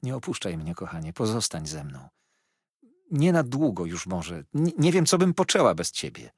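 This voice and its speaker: A gentle, anxious young mother, voiced by a male reader in a storybook, speaking in a soft, pleading way. Her voice is slightly husky and close to the mic in a dry room. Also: lowish voice, sing-song, normal speed, no room sound, heavily acted. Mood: tender.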